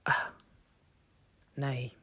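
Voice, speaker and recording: In an audio roleplay, a woman voices an ancient, world-weary vampire aunt of Viking birth, wry and stern. Her husky, breathy voice comes out pushed and bright, and she speaks slowly and dryly in archaic wording.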